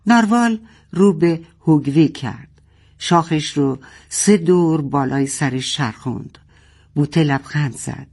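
A woman's voice: low voice, creaky, dark tone, breathy edge. A woman reading a children's story aloud expressively and speaking fondly to her young listeners.

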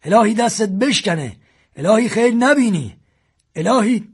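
A man's voice: big pitch swings, creaky, slightly rough, heavily acted. Man doing a shrieking, wailing frightened man. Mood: wailing curses. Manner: high shrieking wail.

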